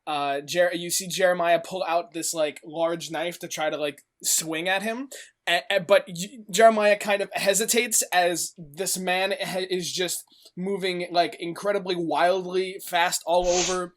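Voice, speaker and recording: A man's voice: high voice, steady tone, unhurried, a bit bright. A man narrating a tabletop horror game as game master, rambling with many fillers. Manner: rambling, filler-heavy, laughs often.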